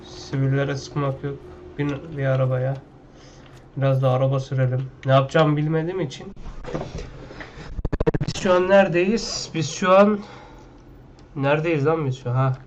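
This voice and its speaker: A man's voice: mid-range voice, darkish tone, muffled recording, slight background noise. A man playing a video game at his computer, talking loosely and with slang, half to himself, in casual gameplay commentary. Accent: Turkish. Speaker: gaming YouTuber.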